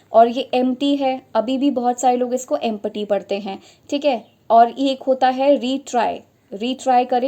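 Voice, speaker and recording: A woman's voice: fairly high pitch, warm tone. A young adult woman tutoring for teaching exams, explaining step by step in a spoken lesson, often repeating her points and slipping in English phrases.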